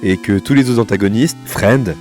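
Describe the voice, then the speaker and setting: A man's voice: moderate pace, darkish tone, faint music behind. A man doing casual, slangy video game commentary, exasperated and congested, his throat swollen from tonsillitis and his voice giving out. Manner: exasperated, slangy, swinging into high outbursts. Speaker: video host.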